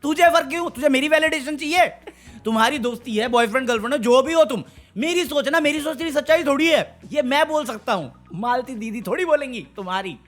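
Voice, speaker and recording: High-voiced man ranting about a reality show. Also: quick pace, soft background music. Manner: animated, mocking, switches to English phrases. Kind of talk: heated casual commentary.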